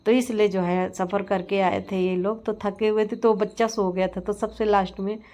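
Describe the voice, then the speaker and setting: A middle-aged woman narrates her home vlog in a relaxed, chatty voice. She talks at an easy pace, laughing along as she tells the story. Her voice sits at a medium pitch. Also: moderate pace. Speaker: vlogger. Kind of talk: casual vlog voice-over.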